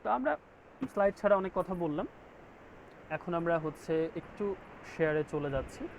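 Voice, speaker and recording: A man teaches a design class over a video call. His voice sits a little high, and he explains step by step, stopping often to check that everyone follows. Steady noise runs under the call audio. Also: moderate pace, poor audio. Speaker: graphic design instructor. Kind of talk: online class lecture.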